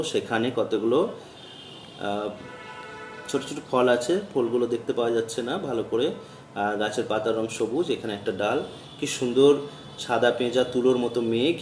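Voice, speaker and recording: A man teaching a primary school lesson, gentle and patient, spelling words out slowly in a sing-song chant. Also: medium pitch, roomy sound, recorded from a distance, slight background noise. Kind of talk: children's Bengali lesson.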